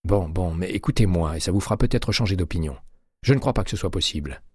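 A man's voice: low-pitched, expressive, fast talker, husky, no room sound, studio quality. A man voicing an urgent, persuasive middle-aged former patient in an audiobook. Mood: insistent. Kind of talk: audiobook reading.

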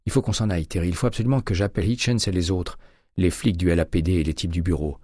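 A man voicing a composed female agent in an audiobook, calm and firm. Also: low voice, quick pace, dry recording, clean studio sound. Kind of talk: audiobook character reading.

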